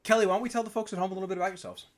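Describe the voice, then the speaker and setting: A man's voice: high-pitched, fairly even intonation, very fast. A man hosting a casual video interview, upbeat and encouraging, often restarting his sentences. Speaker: host.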